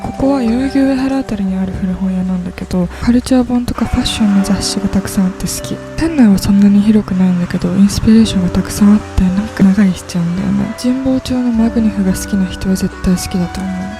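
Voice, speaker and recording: A woman's voice: mid-range voice, fast, few pauses. A woman in her twenties chatting casually in a vlog voice-over, upbeat and gushing about things she loves. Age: 20s. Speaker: vlogger. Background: background music.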